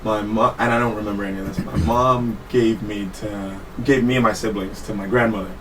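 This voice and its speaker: A man in his thirties, born in Trinidad and Tobago, telling his life story as a guest in a studio interview, relaxed and laughing easily. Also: lowish voice, fairly quick. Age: 30s. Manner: relaxed, laughs often, self-correcting. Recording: distant mic with faint room noise.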